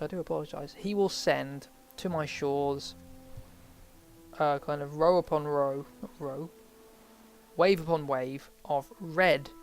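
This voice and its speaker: A man's voice: fairly high pitch, creaky. A man giving casual let's play commentary, rambling and thinking aloud as he plays a game. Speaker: game streamer.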